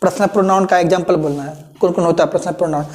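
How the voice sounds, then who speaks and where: A woman teaching an English grammar lesson, repeating terms slowly and often checking that students understand. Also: on the low side, steady tone, crowd noise. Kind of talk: classroom lesson explaining pronouns.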